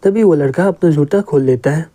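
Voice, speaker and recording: A man's voice: fairly high pitch, fairly quick. Man narrating a comic story. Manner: steady storytelling.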